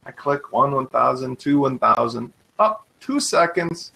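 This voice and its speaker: A man hosting a live web tutorial, talking fast and eagerly in an informal sales manner while demonstrating software. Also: medium pitch, lively intonation, gravelly, low-quality recording. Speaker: webinar host.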